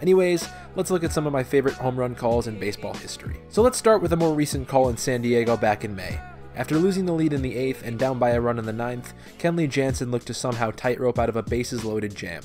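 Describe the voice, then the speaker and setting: A man's voice: medium pitch, quick pace, a little mellow, soft background music. A man hosting and narrating a sports video from a script. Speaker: video host and baseball fan narrator.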